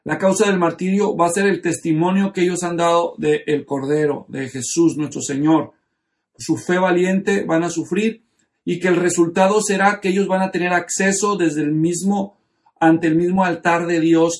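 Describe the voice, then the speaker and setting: Gravelly high-voiced Bible teacher, a man. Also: fairly even intonation, moderate pace. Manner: explanatory, asks the class questions. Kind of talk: Bible class lecture.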